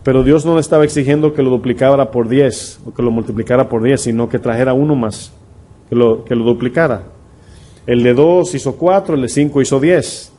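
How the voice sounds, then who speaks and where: A man's voice: medium pitch, steady tone, fairly quick, warm tone. A middle-aged man, a pastor preaching a conversational sermon full of rhetorical questions to his congregation. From Dominican Republic.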